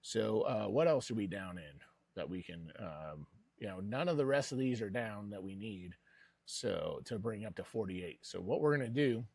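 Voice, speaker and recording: A man's voice: on the low side, expressive, moderate pace, gravelly, darkish tone, slightly rough, dry recording. A man hosting a personal investing vlog with casual, rambling commentary.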